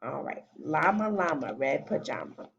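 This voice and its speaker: A woman teacher reading a picture book aloud to children, animated and stopping often to ask them questions. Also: low voice, normal speed, creaky. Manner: animated, asks children questions as she reads. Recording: dull lo-fi recording.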